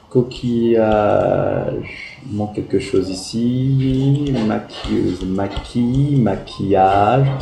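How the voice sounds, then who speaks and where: A man's voice: lowish voice, creaky, dark tone, echoey room, rough recording. A man teaching a primary class, going over pupils' spelling work and spelling words out letter by letter.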